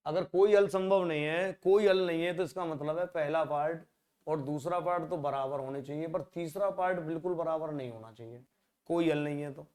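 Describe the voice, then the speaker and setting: Chatty maths teacher, slightly high voice. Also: male voice, a little mellow. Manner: conversational, rhetorical questions, drops to a low mutter when working. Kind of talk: exam-prep maths lesson.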